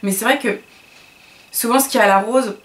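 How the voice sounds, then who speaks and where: A woman's voice: fairly high pitch, brisk, a little hiss or hum. A woman beauty vlogger chatting casually while unboxing products, gushing and chatty with many fillers and self-corrections.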